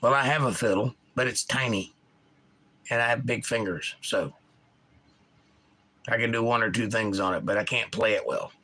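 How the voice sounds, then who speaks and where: A middle-aged livestream host with a Georgia accent that has drifted a bit north reads viewer comments aloud and answers them casually. His ordinary middle-pitched voice has a bright, forward edge, and he enunciates each consonant carefully. Animated and opinionated, he talks at a moderate pace with frequent pauses.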